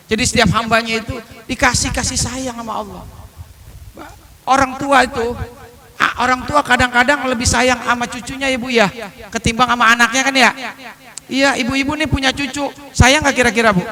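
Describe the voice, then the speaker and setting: A man's voice: extremely high pitch, bright, forceful tone. A man preaching a humorous Islamic sermon, telling stories, quoting Arabic and asking the audience questions. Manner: storytelling, questions to the audience, mixes Arabic quotes. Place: mosque.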